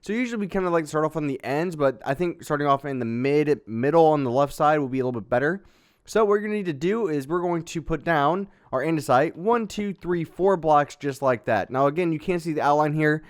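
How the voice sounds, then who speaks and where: A man casually narrating a step-by-step building tutorial in a relaxed, chatty way, with fillers and little sound effects. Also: on the high side, fairly quick. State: has the hiccups. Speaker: Minecraft building tutorial host.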